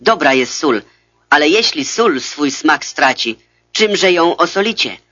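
A man reads the words of Jesus in the role of a calm adult teacher, his scripture reading measured and solemn. His voice sits fairly high and sounds exaggerated. The recording is dull and lo-fi.

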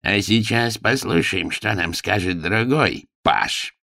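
Man playing a villainous court minister, menacing, low voice, gravelly. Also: takes it slowly, bright, forceful tone, no echo, clean studio sound, heavily acted. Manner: menacing, squeaking when enraged. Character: cruel, scheming male court minister, villain.

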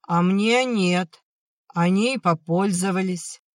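The audiobook narrator voicing a drunken, bitter old peasant father, raised and slow in delivery, swinging between shouting and tearful self-pity. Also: mid-range voice, no echo, clean studio sound, pitched above the performer's own voice, lightly acted. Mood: maudlin, self-pitying. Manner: shouting then maudlin, slurred. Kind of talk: audiobook acting.

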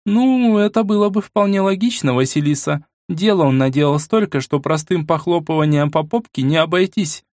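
A man voicing a calm noblewoman who speaks in a soothing, conciliatory way. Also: a little high, normal speed, hardly any pauses, no echo, clean studio sound, voice pushed up, lightly acted. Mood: placating.

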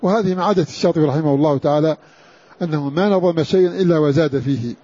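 A man lecturing as a religious teacher, his voice husky and slightly raised in pitch. He repeats key phrases and chants brief recitation samples. It comes through a dull, lo-fi recording. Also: racing, warm tone. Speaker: Quran scholar teaching a class. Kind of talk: classroom lecture on Quran orthography.

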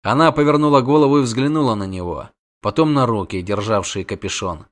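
A man narrating a fantasy novel in an even, measured storytelling voice. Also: medium pitch. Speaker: audiobook narrator.

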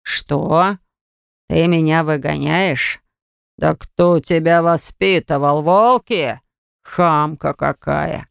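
A narrator voicing a domineering, scheming older father who talks in a slow, insinuating and threatening way. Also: medium pitch, level tone, creaky, smooth, no room sound, clean studio sound, lightly acted. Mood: indignant. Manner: insinuating, then threatening and contemptuous. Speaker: storybook character.

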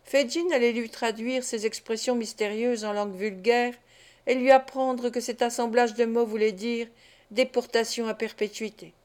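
A woman narrating a classic novel in an audiobook, measured and expressive. Her voice sits a little high. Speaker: audiobook reader.

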